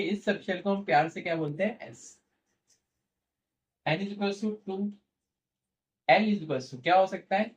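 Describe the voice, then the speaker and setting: A man teaching chemistry in a classroom-style lecture, asking questions and answering them himself, slowing down to spell out formulas, and gently teasing his students. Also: high voice. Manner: asks questions and answers them himself, repeats key terms; playfully teasing toward students.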